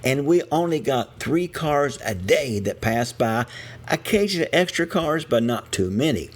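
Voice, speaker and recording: An older man from West Virginia with an Appalachian accent casually tells a true story in the first person, folksy and wry, with chuckling asides. His voice is medium-pitched with big pitch swings at a measured pace, and music plays in the background.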